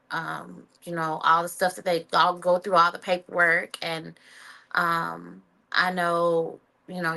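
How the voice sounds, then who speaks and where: Woman guest, 40s, lively storyteller, bright slightly low voice. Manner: animated, acts out quotes with shifting voice. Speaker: interview guest, Air Force veteran. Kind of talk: casual storytelling.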